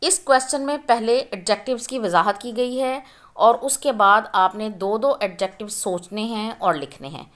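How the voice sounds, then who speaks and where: A woman teacher with a Pakistani accent going through textbook exercises, reading English words slowly and repeating them, then explaining quickly in Urdu. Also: a little high, a bit bright.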